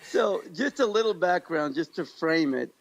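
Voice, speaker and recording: An American podcast co-host, born in Pakistan and raised in Kansas, chats casually and tells stories in an upbeat, joking way. His voice is fairly high and animated, and he speaks at a normal speed.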